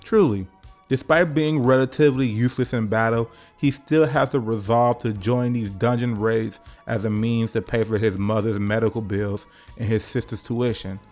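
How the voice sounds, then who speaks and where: A man's voice: mid-range voice, fairly even intonation, moderate pace, a little mellow, faint music behind. A man narrating a casual comedic video essay, full of jokes, profanity and conversational asides to the viewer.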